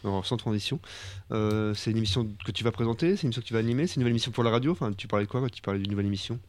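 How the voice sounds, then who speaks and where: A man co-hosting a radio show, teasing his colleague with quick interjections in casual chat. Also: on the low side, no echo. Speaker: radio co-host.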